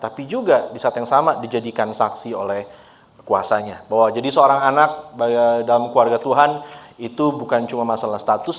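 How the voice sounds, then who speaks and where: A man preaching at a church service with an easygoing, conversational manner. His voice sits at an ordinary middle pitch, and he talks to the congregation as if chatting with friends, dropping English words into his speech. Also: muffled recording. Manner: relaxed and chatty, laughs often, mixes in English words. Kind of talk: conversational sermon.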